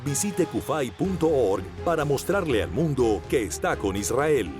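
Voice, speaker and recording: A male announcer delivers an advertisement in a dramatic, urgent tone. His pitch moves in a lively way, and music plays clearly underneath. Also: a little slow. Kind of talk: advertisement voice-over.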